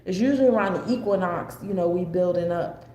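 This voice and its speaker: A woman's voice: fairly low pitch, a little fast, warm tone. An American woman presenting an astrology forecast in a casual, unscripted lecture with a rambling, conversational, digressive manner. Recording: echoey room with faint background noise.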